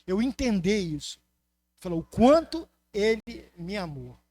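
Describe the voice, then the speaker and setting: A man with a Brazilian Portuguese accent preaching a sermon as pastor, impassioned, moving between loud emphasis and soft asides. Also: high-pitched, very animated, unhurried, no echo.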